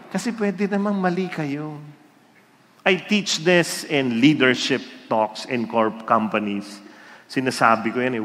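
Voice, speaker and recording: Male preacher, animated, acts out voices; recorded in a reverberant hall. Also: fairly high pitch. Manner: animated storytelling, acting out quoted voices. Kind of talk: sermon-style talk.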